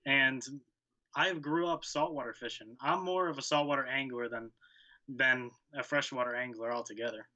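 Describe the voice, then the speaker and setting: A young man from Connecticut answers interview questions in a laid-back, plain-spoken way. His voice sounds bright, and his answers are short and simple. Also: mid-range voice, fairly even intonation, moderate pace, highs cut off. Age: young adult. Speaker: guest angler.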